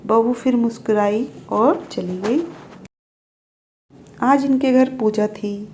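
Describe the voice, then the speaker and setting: Woman with a dark, mellow voice telling a story. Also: medium pitch, a little hiss or hum. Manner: steady, plain storytelling. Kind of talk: storytelling narration.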